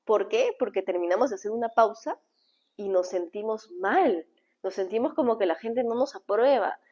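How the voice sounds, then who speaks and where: A woman's voice: medium pitch, moderate pace. A woman, an image consultant teaching public speaking in a live stream, talking straight to viewers and shifting her tone and pace to show how. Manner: expressive, varies tone and pace to demonstrate, addresses viewers directly. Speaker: image consultant and communication coach. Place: indoors, streaming live from home.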